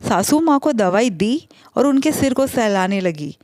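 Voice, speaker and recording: A woman narrates a family story in the first person, talking conversationally and stumbling now and then. Her voice sits fairly high, and the recording is close and dry. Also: expressive, a little slow, darkish tone, no echo. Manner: conversational, with small slips.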